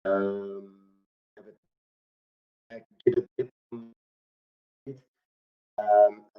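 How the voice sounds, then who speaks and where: A man on a glitchy, breaking-up video call, his halting speech muffled and lo-fi. He talks slowly, and the dropouts chop his sentences apart, though his voice stays smooth underneath. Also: on the low side, flat delivery. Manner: halting, with many fillers. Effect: glitchy, breaking-up video call audio. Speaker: guest on a livestream call. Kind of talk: casual chat about a craft project.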